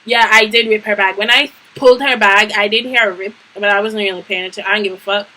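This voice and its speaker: A young adult woman vlogger telling a story in a lively, emphatic, slang-heavy casual way. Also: mid-range voice, fast talker, rough recording. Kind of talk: storytime vlog.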